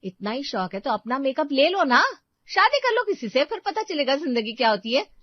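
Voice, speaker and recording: Sharp-tongued angry cartoon housewife voiced by a woman, high and loud, harsh, sarcastic, dull lo-fi sound. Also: animated, moderate pace, dry recording. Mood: scornful. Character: angry scolding young housewife. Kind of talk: cartoon storybook voice acting. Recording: dull lo-fi voice track.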